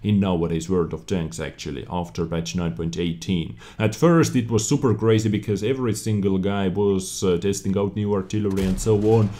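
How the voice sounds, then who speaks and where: Man, low pitch, dark tone, casual gaming commentary, reads points then reacts. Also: fairly even intonation, moderate pace, hardly any pauses. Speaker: gaming video creator. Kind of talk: casual game update commentary.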